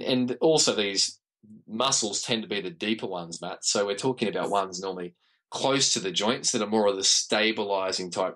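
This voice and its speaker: An Australian man with a croaky, frog-in-the-throat voice, explaining conversationally as a podcast guest. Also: deep voice, pushed and bright, rough recording. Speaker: podcast guest, running physiotherapist.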